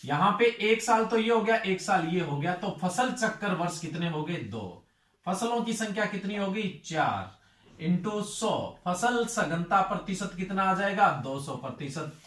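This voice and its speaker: A man's voice: high voice, expressive, measured pace, a bit bright, echoey room, distant mic. A male agriculture tutor giving a lecture. He asks his students questions and then answers them himself.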